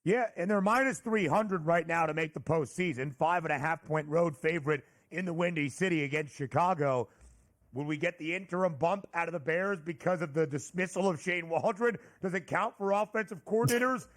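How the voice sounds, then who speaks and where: High-voiced man breaking down betting odds. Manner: brisk, numbers-heavy analysis, leading the questions. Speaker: sports betting show host. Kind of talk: sports betting analysis chat.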